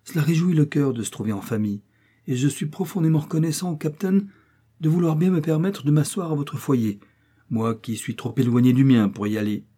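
A courteous naval officer speaks with formal politeness, as a man reads him in an audiobook. The tone is mellow and husky. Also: on the high side, a little fast, pitched above the performer's own voice. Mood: grateful. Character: courteous young naval lieutenant, grateful guest.

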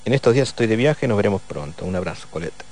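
Argentine man, radio host, low pitch, relaxed casual chat, reading listener messages. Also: quick pace. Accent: Argentine Spanish.

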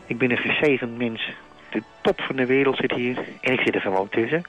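In a comic fake live report, a man plays a bumbling, starstruck reporter at a royal wedding who gushes and rambles on in a chatty, self-congratulatory way. His mid-range voice is natural and brisk, heard with the highs cut off over soft background music.

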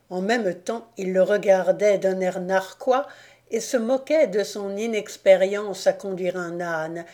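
A woman reading an audiobook aloud as a calm, even storyteller who also speaks the quoted lines. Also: medium pitch. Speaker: audiobook reader. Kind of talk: scripted narration.

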